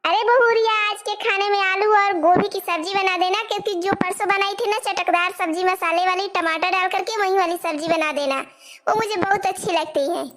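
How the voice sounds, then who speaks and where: A woman voicing a bossy, scolding mother-in-law in a cartoon, with a very high voice. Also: a little fast, a bit bright. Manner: nagging, lecturing. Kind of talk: cartoon voice acting.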